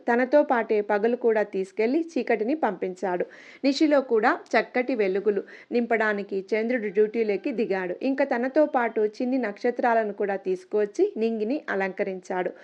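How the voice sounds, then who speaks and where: A young woman narrating a first-person love story in a gentle, dreamy storytelling manner. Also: on the high side, normal speed. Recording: muffled lo-fi recording.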